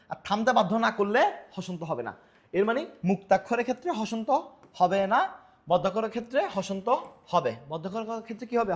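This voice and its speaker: A male teacher giving a grammar lesson, asking questions and answering them himself, coughing now and then. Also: sits high.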